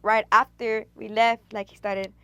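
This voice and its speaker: A woman's voice: on the high side, level tone, unhurried, fairly bright tone, clean tone, no echo, lo-fi sound. A young woman from Texas, a rapper, telling stories in a laid-back, slangy and profane way during a casual interview. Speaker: rapper and guest.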